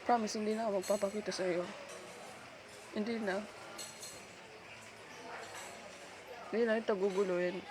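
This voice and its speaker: In an intimate, one-sided ASMR girlfriend roleplay, a woman with a Filipino accent plays a heartbroken long-time girlfriend who sacrifices herself by letting her partner go. She speaks haltingly, tenderly, and pleadingly in a steady, mid-range voice close to her everyday one. The background is clearly noisy.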